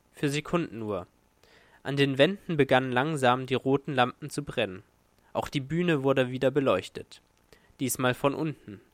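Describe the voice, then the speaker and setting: A man narrating a pulp novel as an audiobook, measured and drawn out at tense moments. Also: mid-range voice, fairly bright tone, no echo. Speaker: audiobook reader.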